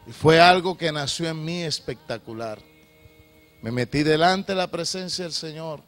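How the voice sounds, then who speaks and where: Fervent male preacher over soft music. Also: moderate pace. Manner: emotional preaching, swings from loud shouts to low confessional tones. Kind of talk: sermon.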